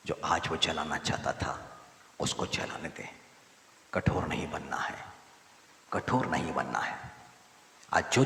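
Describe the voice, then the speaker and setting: A man preaching as a pastor, moving between loud exhortation and soft murmured appeals, with repeated hallelujahs. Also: rumbling low, a little hiss or hum. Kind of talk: sermon. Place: church hall. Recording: echoey church hall, voice from a distance. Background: congregation.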